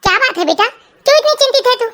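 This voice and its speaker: Cartoon mother-in-law, woman voicing, shrill high, scolding and dramatic. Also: animated, racing, fairly bright tone. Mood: motherly. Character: stern then remorseful mother-in-law.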